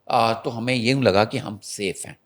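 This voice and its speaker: Animated male journalist telling a story. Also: medium pitch. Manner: animated storyteller, acts out quotes; restarts and fillers, addresses viewers directly. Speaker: senior journalist guest. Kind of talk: conversational talk show commentary.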